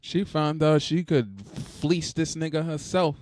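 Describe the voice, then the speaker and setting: A man's voice: on the high side, unhurried, darkish tone, no echo. A man hosting a reaction video, talking in a blunt, profane, exasperated casual rant.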